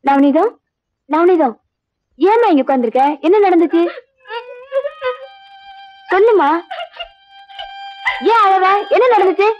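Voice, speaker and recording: An actress playing a worried mother gently coaxing her daughter, over faint music on a dull recording. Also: extremely high pitch, expressive, slow, long pauses, full character voice.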